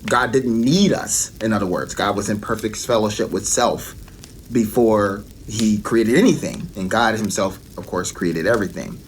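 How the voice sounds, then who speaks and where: A man's voice: on the low side, normal speed, slight background noise. A man giving an earnest devotional teaching and often repeating his key points for emphasis.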